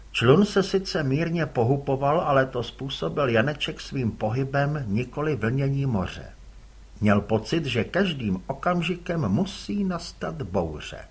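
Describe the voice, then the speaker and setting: Male audiobook narrator, fairly high, husky and very animated delivery. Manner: expressive, dramatic reading. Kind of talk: scripted narration.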